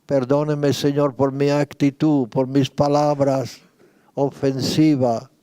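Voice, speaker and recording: A man, a pastor, leading a sermon and spoken prayer, repeating his pleas slowly and fervently. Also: medium pitch, little pitch movement, dark tone, clear, resonant tone, no echo. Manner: slow fervent praying, repeating pleas, rising in intensity. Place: church retreat.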